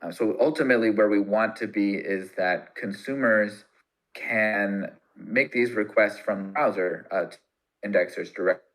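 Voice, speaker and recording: A man explaining plans on an online community call while his voice-chat audio keeps breaking up. He talks in a measured way, thinking aloud with fillers. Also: lowish voice, a bit bright, rough recording. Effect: audio breaking up over a voice-chat connection. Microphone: voice chat microphone.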